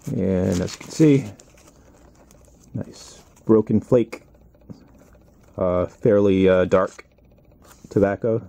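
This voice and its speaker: A man giving a casual product review as a pipe tobacco reviewer, talking in a halting, deliberate, thoughtful way. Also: low-pitched, gravelly, warm tone.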